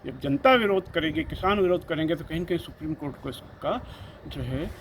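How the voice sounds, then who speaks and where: A man's voice: a little high, expressive, fairly quick, a bit bright, a little hiss or hum. A man as a guest in a political discussion, speaking in an emphatic, insistent way.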